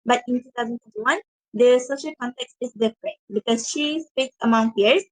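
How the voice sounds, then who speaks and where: A woman's voice: on the high side, normal speed, no room sound, faint music behind, rough recording. A young woman presenting her part of a university class talk, reading notes with many fillers and restarted words. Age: young adult.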